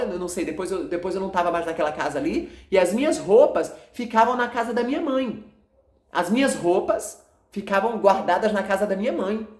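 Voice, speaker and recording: A man with a Brazilian accent who runs an evangelical channel, recounting a dream to his followers in an agitated, halting, repetitive way. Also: high-pitched, echoey room. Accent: Brazilian Portuguese.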